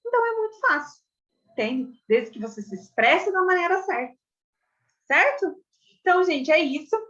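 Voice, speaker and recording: A young adult Brazilian woman teaching a casual theater lesson, chatty and expressive, often checking in with her listeners. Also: extremely high pitch, moderate pace. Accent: Brazilian Portuguese. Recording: slightly dull lo-fi audio.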